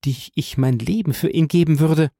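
A man's voice: fairly high pitch, moderate pace, mellow, dry recording, studio quality, pitched above the performer's own voice. A man reading aloud voices a devoted young woman who speaks in a tender, pleading, tearful way. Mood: imploring.

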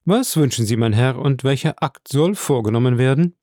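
Man voicing middle-aged notary, formal, long-winded, eager, mid pitch. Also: normal speed, mellow, no room sound, clean studio sound, lightly acted.

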